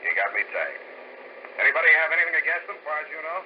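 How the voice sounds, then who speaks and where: A man's voice: a little high, very animated, fast talker, slight background noise. An actor playing a sardonic hard-boiled private detective who narrates his own case in 1940s radio-drama style, heard on an old wire recording. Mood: probing. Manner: dry, sardonic wisecracks. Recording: muffled old wire recording with loud music bed.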